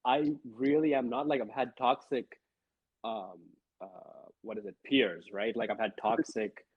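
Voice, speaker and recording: A man from Sri Lanka, a guest developer on a casual livestream, talking with pauses and soft asides. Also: mid-range voice, fairly even intonation, husky, no room sound. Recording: dry lo-fi stream audio.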